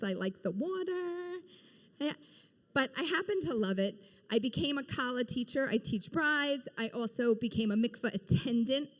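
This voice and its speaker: High-voiced woman, chatty gala speaker. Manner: chatty, playful, quizzes the crowd. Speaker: event speaker. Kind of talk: lively storytelling talk to a live audience. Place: large event hall. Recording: echoey hall sound.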